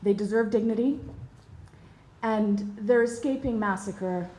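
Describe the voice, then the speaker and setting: Telling a personal story to an audience, a Bosnian woman in her thirties speaks in a measured, earnest way, pausing and hesitating softly. The echoey room gives a slight ring to her warm, mellow, mid-range voice.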